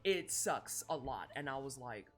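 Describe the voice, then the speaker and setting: A woman streaming while she bakes, telling stories in a profane, animated, chatty way. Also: very deep voice, moderate pace, faint music behind. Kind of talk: casual live-stream chat while baking. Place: home kitchen.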